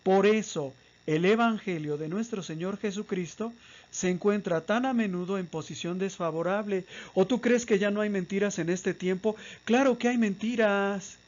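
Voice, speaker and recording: High-voiced man lecturing with rhetorical questions. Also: normal speed, muffled recording. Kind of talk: apologetics lecture.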